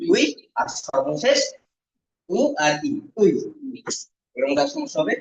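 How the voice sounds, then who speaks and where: A man teaching a basic language class who says sounds slowly and clearly, then has the students repeat them. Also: high-pitched, big pitch swings. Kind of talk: classroom lesson. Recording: echoey room, distant muffled mic.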